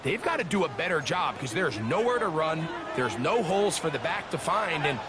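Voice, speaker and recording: A man's voice: a little high, big pitch swings, normal speed, heavy background noise. A man giving football color commentary, explaining the play in an emphatic, conversational way. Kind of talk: football game analysis.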